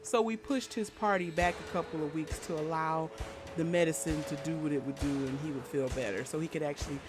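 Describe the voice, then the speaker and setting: A woman's voice: low voice, fairly quick. A woman streaming a game live, chatting casually and playfully between bits of play. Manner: chatty, playful, laughs easily. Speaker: gaming streamer. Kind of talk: casual live gameplay chat. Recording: game music playing underneath. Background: game soundtrack.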